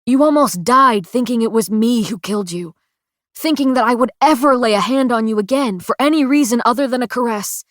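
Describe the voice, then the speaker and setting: A woman reading the lines of a remorseful young male soldier in a soft, choked, low-key way. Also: fairly quick, no echo, clean studio sound, close to an everyday voice.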